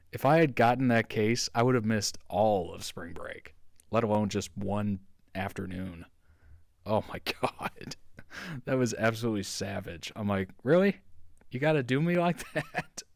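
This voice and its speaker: A man's voice: on the low side, no echo, studio quality. A man giving casual, chatty commentary as the host of a reaction video.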